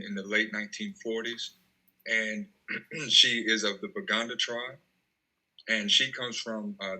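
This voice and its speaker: A man's voice: on the low side, bright, forceful tone, rough recording. A man from Tennessee, a guest on a podcast, speaking politely and carefully as he explains. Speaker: interview guest, nonprofit co-founder. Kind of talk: casual interview chat.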